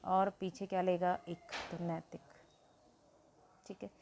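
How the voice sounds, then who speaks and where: A woman's voice: lowish voice, little pitch movement, slow pace, gravelly, a little mellow, a little hiss or hum. A woman teaching a Hindi grammar lesson, explaining step by step and asking questions she answers herself.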